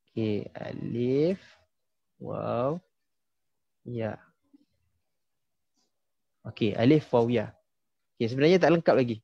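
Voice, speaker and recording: Mellow man teaching online. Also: medium pitch, takes it slowly, creaky, long pauses, no room sound, highs cut off. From Malaysia. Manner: patient, quizzes students, many fillers like ha and okey. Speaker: tajwid teacher. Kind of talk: casual online class instruction.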